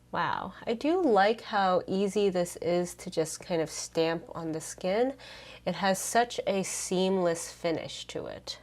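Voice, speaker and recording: A woman's voice: mid-range voice, darkish tone. A woman giving casual makeup try-on commentary to viewers in a chirpy, upbeat beauty vlogger manner.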